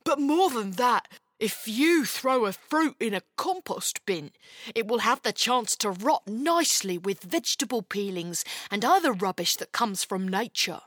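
A woman voicing a gentle, slightly gruff male ogre who explains things patiently. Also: a little high, expressive, measured pace, no room sound, studio quality.

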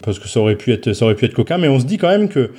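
A man co-hosting a podcast, telling a dark topic with dry, mock-serious humour and frequent hesitations. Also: medium pitch, big pitch swings, very fast, slightly rough. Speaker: podcast co-host. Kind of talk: joking podcast chat.

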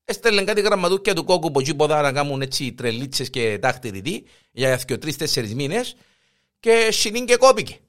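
A man's voice: fairly high pitch, sing-song, fairly bright tone. A man with a Cypriot Greek accent hosting a jokey gossip news segment, storytelling with animation. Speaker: host. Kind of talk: comic gossip news chat.

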